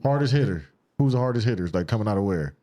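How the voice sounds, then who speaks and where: A man hosting a podcast, asking quick, casual questions and repeating himself as he talks. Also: lowish voice, expressive, dark tone, lo-fi sound. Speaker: podcast host. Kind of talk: casual interview chat.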